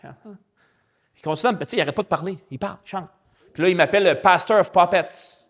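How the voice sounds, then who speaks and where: A man with a Québécois French accent, a pastor preaching a sermon in a lively, colloquial storytelling way. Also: high-pitched, brisk. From Quebec. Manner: animated, colloquial and chatty, with spoken English slang.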